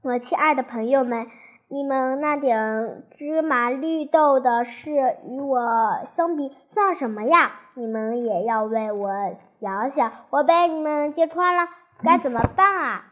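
A woman's voice: sits high, a little slow, highs cut off. A woman voicing a sly, timid little old man who pleads and tells his story, read from a children's storybook. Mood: pleading. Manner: timid, wheedling pleas.

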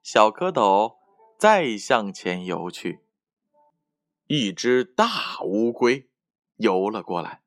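A man reading a children's story aloud in a slow, expressive way, with faint music behind. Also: lowish voice. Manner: slow, expressive and sing-song. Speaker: narrator.

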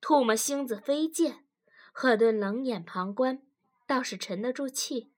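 A woman reading a story aloud in scripted narration, expressive, with wry asides. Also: a little high, unhurried.

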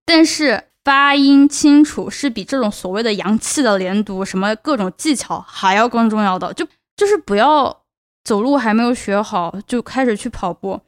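A woman's voice: a little high, lively intonation, moderate pace. A young woman from Chongqing, China, giving earnest advice in a casual solo podcast and repeating words for emphasis. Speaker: podcast host.

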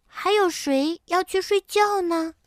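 A woman voicing a playful, curious little bear cub in a high, childlike, excited voice. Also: takes it slowly, dry recording, studio quality.

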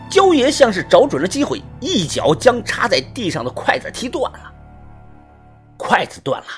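A woman reading a suspense novel aloud with lively, dramatic narration over faint music. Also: fairly low pitch. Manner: lively, acts out the tension. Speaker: audiobook reader.

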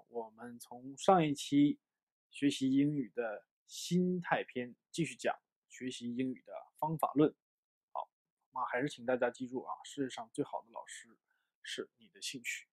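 A man from China giving an English lesson, explaining with lots of fillers and lively emphasis. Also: mid-range voice. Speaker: English teacher. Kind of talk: online lesson.

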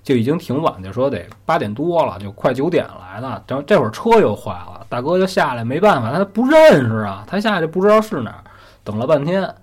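Husky man telling a story. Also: medium pitch, sing-song, a little fast. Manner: chatty, conversational, asks the listener questions. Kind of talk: casual spoken storytelling.

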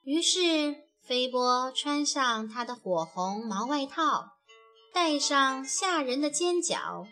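A woman narrating a children's storybook in a gentle, expressive way. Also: sits high, slow. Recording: faint background music.

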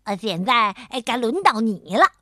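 A woman voicing a jolly, playful male beaver dentist in a children's storybook, hearty with drawn-out fillers. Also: on the high side, sing-song, pushed and bright, no room sound, studio quality.

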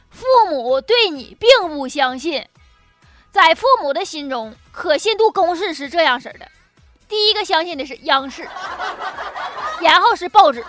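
A woman's voice: very high voice, sharp tone. A woman with a Northeastern Chinese accent hosts a comic monologue in a chatty, folksy manner, telling jokes and anecdotes. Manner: chatty, folksy, often chuckling. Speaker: comedy talk show host. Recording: music behind the voice. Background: music.

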